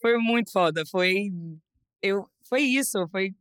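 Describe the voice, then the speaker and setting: A woman's voice: medium pitch, slow pace, clear, resonant tone, dry recording. Young carioca woman, chatty guest, lots of laughs and restarts, dry close mic. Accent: Carioca Brazilian Portuguese. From Rio de Janeiro, Brazil. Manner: lively, laughs often, restarts phrases. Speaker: guest model. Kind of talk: casual interview chat.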